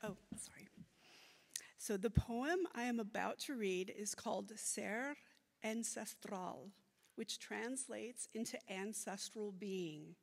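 A woman's voice: mid-range voice, creaky. An American woman reading poetry at a podium, moving between English and non-native Spanish with an American accent. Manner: slow, deliberate delivery with careful non-native Spanish. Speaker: poet reading own work. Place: auditorium stage at a podium. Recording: echoey hall with long reverb.

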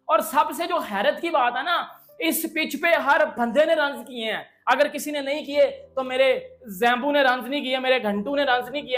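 A man's voice: extremely high pitch, a bit bright. A young man from Pakistan giving brash, slangy, taunting cricket commentary indoors. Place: indoor room.

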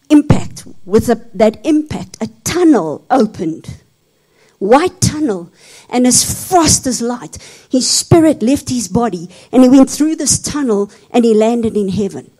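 A South African woman telling a story at a seminar as a sermon, dropping to whispers and rising to shouts for effect. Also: on the high side, lively intonation, measured pace. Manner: dramatic, drops to whispers and rises to shouts when telling a story. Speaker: seminar speaker. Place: seminar hall.

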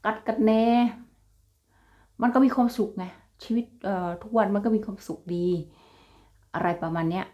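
Warm-toned and pausing often, this young vlogger speaks with a Northeastern Thai Isan accent at a moderate pace, her medium-pitched voice in a woman's middle register on lo-fi sound. Her casual vlog chat is free and familiar, addressing viewers as brothers and sisters, with frequent laughter.

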